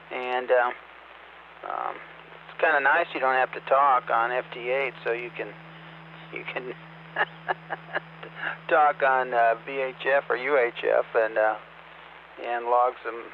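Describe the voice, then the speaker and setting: A man checking in on an amateur radio net, talking in a halting way with many fillers, heard over a two-way radio with faint static. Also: mid-range voice, narrow, tinny audio. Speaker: ham radio operator checking in.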